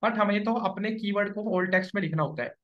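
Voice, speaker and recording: A man leads a live computer lesson, pausing to ask whether everyone follows. His voice sits notably high. The recording is dull and lo-fi. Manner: explanatory, checks understanding often. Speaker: SEO trainer. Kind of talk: live classroom tutorial.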